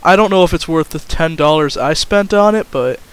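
A young man with a high voice gives casual gameplay commentary as host, and his pitch leaps all over the place. He is excitable and breaks into yelps and shouts at the action on screen. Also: brisk, clean tone. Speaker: gaming channel host.

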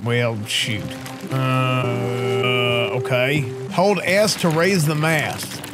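A man's voice: medium pitch, very slow. A man in his thirties giving casual live game commentary in a goofy, slangy way, speaking close into a streaming microphone. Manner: goofy, slangy, easily startled exclamations. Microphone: boom microphone close up, streaming setup. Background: game music.

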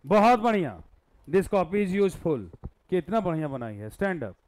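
Male teacher, live class, high smooth voice, dry close sound, unhurried questioning. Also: very animated, a little mellow, no room sound. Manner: coaxing, questions students, mixes Hindi and English.

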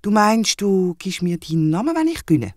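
A man with a Swiss German accent voicing an eager, cheeky male wombat in a children's audio drama, in a high, bouncy voice. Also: very animated, fairly quick, no echo. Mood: amazed.

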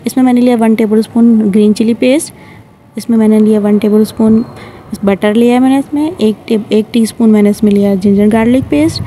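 A woman's voice: on the high side, fairly even intonation, fairly quick, dark tone, a little hiss or hum. A woman hosting a home cooking tutorial, talking viewers through each step in a chatty way and often checking in with "theek hai". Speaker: cooking channel host. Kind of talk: recipe tutorial voice-over.

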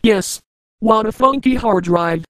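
A man's voice: high voice, slow pace, a bit bright, clean tone, dry recording, studio quality. Quirky, formal droid computer done by a man. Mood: curious. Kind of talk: animated fan drama acting.

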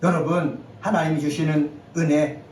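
A man with a high-pitched voice preaches a Sunday sermon, swelling to near-shouts on key lines and leading the congregation to repeat phrases after him. He is caught from some distance in a reverberant church hall. A faint hiss sits under his voice. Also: steady tone, normal speed. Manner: leads the congregation in call-and-response. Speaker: pastor. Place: church sanctuary.

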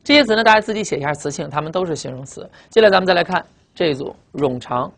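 A male teacher giving a vocabulary lecture, explaining word roots and repeating key phrases so students remember them, and reading the English words out slowly. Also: on the high side, lively intonation, fairly bright tone.

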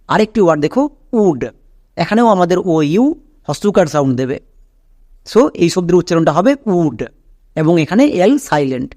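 A man's voice: a little high, dark tone, dry recording, studio quality. A man with a Bangladeshi Bengali accent teaching English reading, explaining phonics rules step by step and checking that students follow. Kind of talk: recorded phonics lesson.

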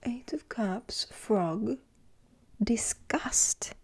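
A woman hosting a tarot deck flip-through at home, talking softly in a half-whisper and gushing over the cute cards. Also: a little high, very slow. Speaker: tarot channel host.

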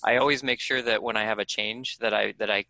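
A man casually explaining database practices to a presenter on a video call, relaxed and enthusiastic. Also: lowish voice, fast talker, creaky, dry recording, low-quality recording. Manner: relaxed, enthusiastic, restarts often. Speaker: developer helping a presenter.

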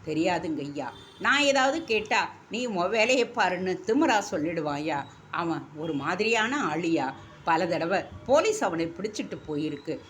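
A woman's voice: fairly low pitch, animated, measured pace, a bit bright, a little hiss or hum. A woman voicing a timid male servant who answers nervously and with deference.

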